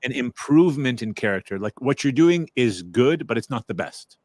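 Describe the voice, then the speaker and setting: A man's voice: mid-range voice, animated, normal speed, darkish tone, dry recording, clean studio sound. A man co-hosting a casual religious chat, speaking reflectively as he recounts memories of his teachers. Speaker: co-host, Islamic teacher.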